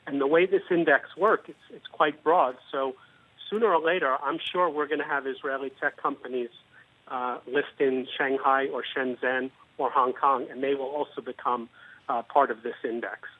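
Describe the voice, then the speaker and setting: A man being interviewed as a guest analyst on a business news show, explaining at a measured pace with some fillers. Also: mid-range voice, steady tone. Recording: tinny phone-line audio.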